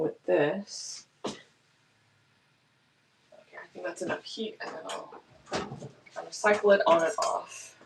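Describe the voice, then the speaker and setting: A woman's voice: mid-range voice, creaky, heavy background noise. Woman, rambling cooking chat, home kitchen, tripod camera, clicking and clatter behind her. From Canada. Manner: chatty, rambling, self-correcting. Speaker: cooking streamer. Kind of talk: casual chat while cooking.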